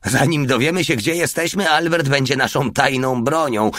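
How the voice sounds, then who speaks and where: A man's voice: mid-range voice, moderate pace, fairly bright tone, no room sound, voice pushed up, natural voice. A man voicing a brash soldier with a thundering voice in a war audiobook. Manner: thundering, boastful. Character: brash cocky male soldier with booming voice.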